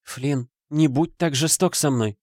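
Grieving mother, pleading and emotional, raised pitch, dry audiobook read, voiced by a man. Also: normal speed, a little mellow, no echo, lightly acted. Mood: desperate.

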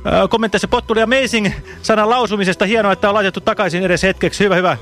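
A man's voice: sits high, steady tone, a bit bright, soft background music. A man hosting a casual radio show in a studio, playful and jokey as he reads out listener messages. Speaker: radio host.

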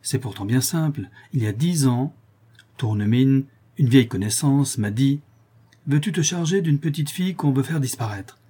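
A man's voice: mid-range voice, lively intonation, normal speed, mellow, breathy edge, voice pushed up. A man reading aloud and voicing a greedy, scheming old woman who talks in coarse, wheedling slang.

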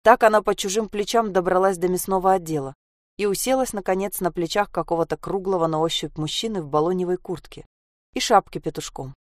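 A woman's voice: on the low side, a little fast, no echo, clean studio sound. A woman narrating a story expressively and voicing the characters. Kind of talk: storybook reading.

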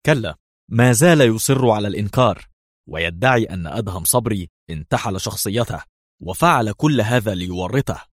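A man's voice: lowish voice, animated, brisk, no echo, clean studio sound. A man voicing a dutiful male intelligence aide reporting plainly. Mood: matter-of-fact.

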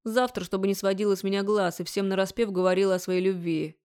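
A woman's voice: mid-range voice, fairly even intonation, fast talker, a little mellow, close to an everyday voice. A woman reading an audiobook, voicing a cocky, pushy young man who is bossy and mockingly sweet. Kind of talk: audiobook character voice.

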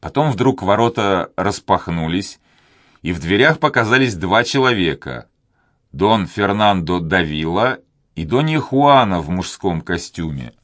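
A man narrating an adventure novel in a measured, even reading voice. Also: deep voice, dry recording, clean studio sound. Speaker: audiobook reader. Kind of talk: scripted narration.

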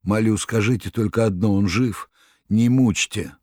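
A man reading an audiobook, voicing a proud, fierce woman who turns sharp and pleading. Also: fairly low pitch, very animated, fairly quick, no echo, clean studio sound, voice pushed up.

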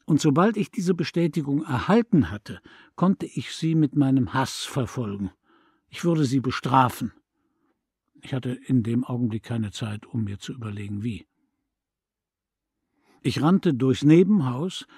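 A man reading a literary story aloud in a calm, measured, reflective way. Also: medium pitch, slightly rough, no echo. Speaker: audiobook reader. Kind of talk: scripted narration. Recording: dry close studio recording.

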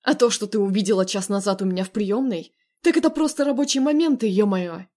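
A possessive young man who barks orders and claims others as his own, as a woman reads him in a storybook. Loud and menacing, he talks like someone used to being obeyed. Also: medium pitch, fast talker, close to an everyday voice. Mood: domineering.

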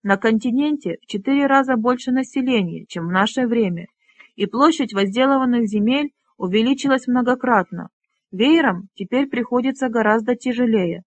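An audiobook reader voicing an elderly male dragonrider leader in a stern, deliberate manner. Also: mid-range voice, dry recording, natural voice.

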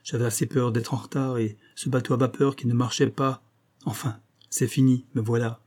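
A man reading an audiobook, voicing a proud, hot-tempered young actress with a sharp, impatient manner. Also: mid-range voice, level tone, normal speed, lightly acted. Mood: irritated.

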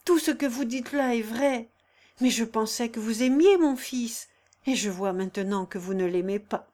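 A woman's voice: a little high, normal speed, darkish tone, close to an everyday voice. A woman reading the part of an aging nobleman who speaks earnestly and imploringly in a storybook. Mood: grieved. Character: aging noble count, grave and pleading.

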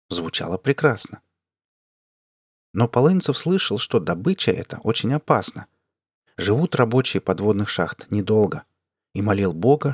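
A man reading a science fiction story aloud as an audiobook narrator, in an even, measured way. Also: fairly low pitch, slightly rough, dry recording, studio quality. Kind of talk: scripted narration.

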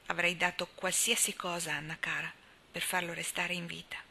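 A woman's voice: fairly low pitch, little pitch movement, moderate pace, gravelly, sharp tone, slight background noise, heavily acted. A woman reading the part of a talkative, gossipy older spinster in an audiobook, in an emphatic, chatty manner. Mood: wistful. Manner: chatty, emphatic, sighing storyteller.

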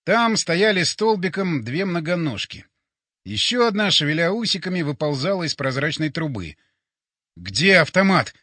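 A man narrating a first-person sci-fi audiobook with expressive, animated storytelling, recorded on a close studio mic. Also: a little high, normal speed, no echo.

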